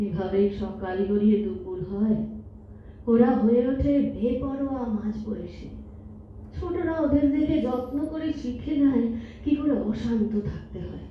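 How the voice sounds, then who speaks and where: In a Bengali stage audio drama, a woman plays a sentimental old wife, speaking dreamily and poetically in a nostalgic, tender mood. Her natural voice is on the high side and a little slow. The sound is muffled and noisy, coming from far off in an echoey hall.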